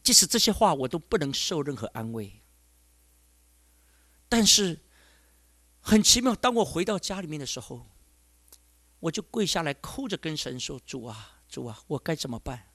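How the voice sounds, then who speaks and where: Emotional male pastor, slightly high voice. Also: big pitch swings, moderate pace, long pauses, fairly bright tone, no room sound. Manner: emotional storytelling with frequent sighing exclamations. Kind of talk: sermon with a personal testimony.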